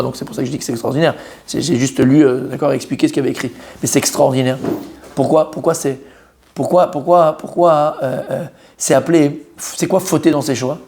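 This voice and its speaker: His voice is medium-pitched and creaky as he gives a Torah class in French. An animated teacher, he questions his students, repeats key points and mixes Hebrew terms into the lesson.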